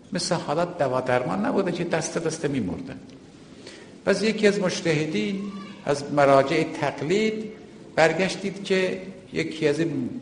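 Male cleric preaching, somewhat high voice, lots of room echo, dramatic storytelling swings. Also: slight background noise. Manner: storytelling preacher with sudden rises and drops in pitch. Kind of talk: sermon. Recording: roomy hall with long echo.

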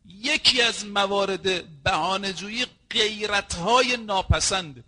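A man's voice: high-pitched, pushed and bright. A man preaching a sermon, telling stories and acting out the quoted dialogue, and addressing his listeners as brothers and sisters.

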